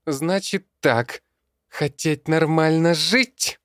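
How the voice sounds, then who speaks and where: A man voicing a cruel male goblin master with a high, screechy voice and mocking, broken speech, in an audiobook. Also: drawn-out words, no room sound, studio quality. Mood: menacing. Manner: mocking, broken grammar, yelling.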